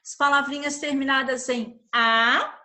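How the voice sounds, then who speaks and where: A Brazilian woman teaching young children in an online class, her voice high and clear. She explains a worksheet patiently, with lots of diminutives and frequent checks for understanding. The tone is bright and lively. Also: unhurried. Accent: Brazilian Portuguese.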